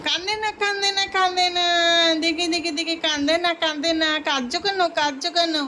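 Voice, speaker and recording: A woman voicing a gentle grandmother doll. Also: very high voice, fairly even intonation, fast talker, a little hiss or hum. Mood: soothing. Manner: soothing, coaxing a crying baby. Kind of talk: doll-play storytelling.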